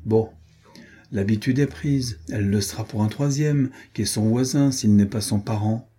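A man's voice: fairly low pitch, dark tone, slightly rough. A man voicing a mocking young nobleman who jeers and taunts his rival. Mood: teasing. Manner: jeering, quick with taunts.

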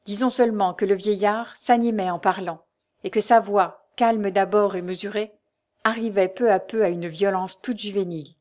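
A woman reading a nineteenth-century novel aloud with measured, expressive narration. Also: mid-range voice. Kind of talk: literary audiobook narration.

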